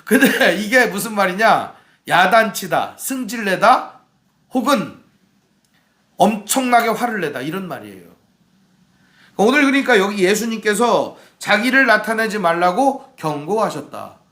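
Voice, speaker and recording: A man preaching a sermon as pastor in a church, asking the congregation questions and acting out the shouts he quotes. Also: high voice, sing-song, a little slow, reverberant.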